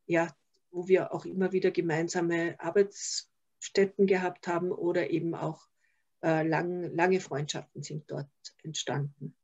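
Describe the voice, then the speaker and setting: A somewhat slow, lowish female voice, a little mellow and with little pitch movement, belongs to an older woman with an Austrian accent. Appearing as an interview guest on a video call, this social worker reflects aloud, hesitating and restarting many times. Audio is a touch dull.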